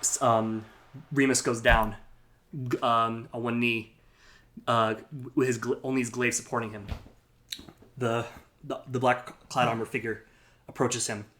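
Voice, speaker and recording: A man narrating a tabletop game in the second person as game master, halting often to restart and correct himself. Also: medium pitch, level tone, fairly bright tone, slight background noise.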